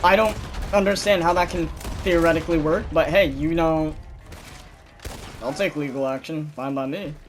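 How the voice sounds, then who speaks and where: A young man telling stories in a casual gaming voice chat, animated and swearing freely, loudly mimicking other people. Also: a little high, moderate pace, slight background noise. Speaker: gamer chatting with friends.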